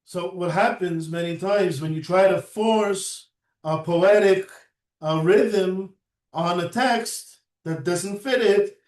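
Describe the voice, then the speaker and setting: A man's voice: sits high, slow pace, a little mellow. A man teaching a recorded lecture, explaining step by step and often checking in with "right?". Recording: echoey room, mic at a distance.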